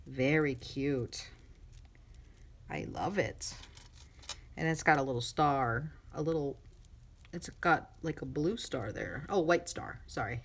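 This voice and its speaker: A middle-aged woman crafting vlogger gushing excitedly over a mail swap, chatty and full of fillers. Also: sits low, slow pace, pauses often, husky. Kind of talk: casual unboxing chat. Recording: noisy room with crinkling and clicks.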